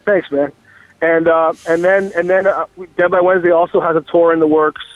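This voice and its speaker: A man's voice: on the high side, steady tone, fairly quick, no room sound. A man calling in on a car speakerphone while driving, talking as a musician guest in a loose, rambling, profane way with lots of fillers. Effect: car speakerphone call. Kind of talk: casual phone interview. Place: in a moving car. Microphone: phone on speaker. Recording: tinny dry phone line.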